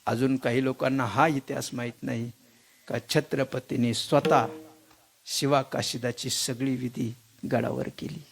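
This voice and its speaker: Dramatic man preaching kirtan, gravelly. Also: mid-range voice, fairly even intonation, measured pace. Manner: dramatic, swings from loud exclaiming to hushed lament. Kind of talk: devotional kirtan storytelling.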